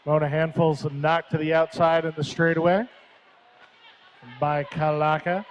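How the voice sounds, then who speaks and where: A man with a high voice calls a live roller derby bout and trades relaxed jokes with his co-host. Faint noise sits behind him. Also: measured pace, highs cut off. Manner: easygoing, jokey banter with co-host. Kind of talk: live play-by-play commentary.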